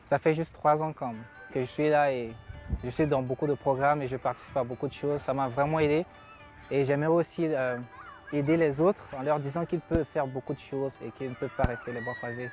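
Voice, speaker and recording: A man's voice: medium pitch, steady tone, a little fast, darkish tone, soft background music. A young man speaking earnestly in a documentary interview as a newcomer youth, with a few hesitant fillers.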